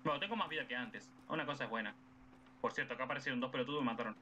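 A young man with an Argentine accent giving casual, excitable gameplay commentary, swearing and shouting at the game. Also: mid-range voice, very fast, dull audio. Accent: Argentine Spanish. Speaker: gaming YouTuber. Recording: noisy game audio with gunfire behind.

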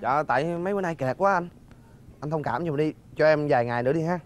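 A man's voice: fairly high pitch, fast talker, a little hiss or hum, natural voice. An actor playing a deferential young man, politely begging a creditor for more time in a TV drama. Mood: pleading. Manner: deferential, apologetic. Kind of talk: TV drama acting.

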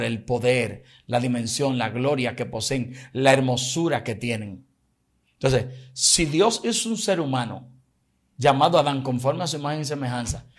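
Dominican man explaining emphatically. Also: mid-range voice. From Dominican Republic. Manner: emphatic, explanatory, tells anecdotes. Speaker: evangelist podcast guest. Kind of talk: casual religious podcast talk.

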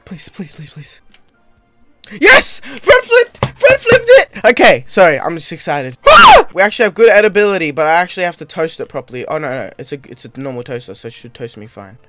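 A man giving excitable let's-play commentary as host of his gaming channel, yelping and shouting at every mishap. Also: a little high, quick pace, few pauses, no echo, faint music behind.

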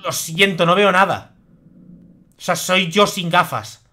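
A man's voice: high voice, a little slow, bright, forceful tone. A young man from Spain with a Spanish accent, chatting and swearing as he comments on a live horror game. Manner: chatty, swears freely, reacts aloud. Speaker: streamer.

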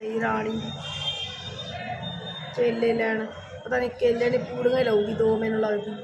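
A woman's voice: a little high, level tone, moderate pace, music in the background. A woman with a Punjabi accent casually narrating her day for a vlog. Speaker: family vlogger. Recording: very noisy handheld vlog audio.

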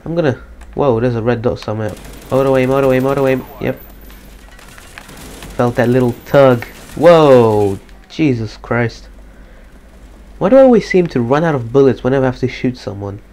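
Monotone, swearing gamer commentator man. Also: medium pitch, normal speed. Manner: slightly depressed, monotone, swears casually. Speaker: gaming commentator. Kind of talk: casual live gameplay commentary.

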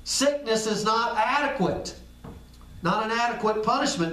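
A man's voice: high-pitched, fairly bright tone. A man preaching a sermon in a folksy, conversational way. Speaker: pastor. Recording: echoey room, picked up from a distance.

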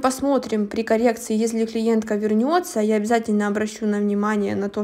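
Narrating a manicure video, this nail technician chats casually and shares stories with light amusement. Her voice is fairly high in pitch with a darkish tone.

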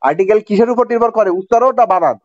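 Racing through a grammar point in class, an animated male teacher with a Bangladeshi accent and a fairly high voice repeats every rule and keeps checking whether students follow. The audio is dry and a little muffled, with no room sound.

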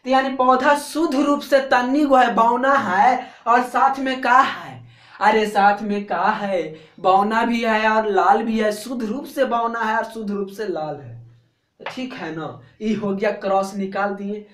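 A man's voice: sits high, a little slow, fairly bright tone. A man with a Bihari Hindi accent teaching an exam-prep biology lecture. He talks in a colloquial, coaxing way, keeps checking whether students follow, and drills the answers by chanting them again and again. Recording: echoey room.

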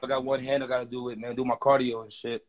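A man in his twenties guests on a phone livestream, chatting in slang and insisting on his point while stumbling through repeated restarts. His medium-pitched voice moves fast with little pitch change, picked up by the phone's front camera mic with crowd noise behind.

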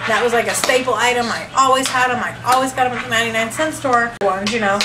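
Thirties woman vlogger, bright-pitched and chatty, recorded on a table camera in a reverberant, noisy kitchen. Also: fast. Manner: rambling, chatty, thrifty. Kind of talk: casual grocery haul chat. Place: home kitchen, indoors. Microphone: camera mic at table distance. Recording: echoey kitchen with background noise.

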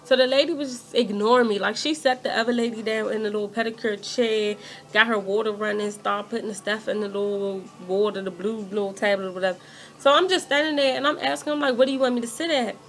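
Gravelly young woman telling a rambling story. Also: mid-range voice, fast. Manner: rambling, talks straight to viewers, fills with "like"; animated when indignant. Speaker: beauty vlogger. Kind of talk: casual storytime chat. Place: at home doing makeup.

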